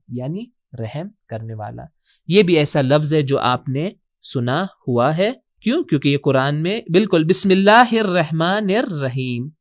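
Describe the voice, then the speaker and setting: Man teaching word meanings, self-questioning. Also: fairly high pitch. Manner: asks questions and answers them himself; mixes in English words. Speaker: Quran vocabulary teacher. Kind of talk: explanatory lesson.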